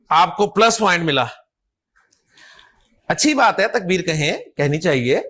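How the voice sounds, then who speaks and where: A man teaching an Arabic grammar class, explaining slowly, demonstrating how to pronounce words and often checking that students follow. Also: sits high, fairly bright tone. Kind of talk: online class lecture.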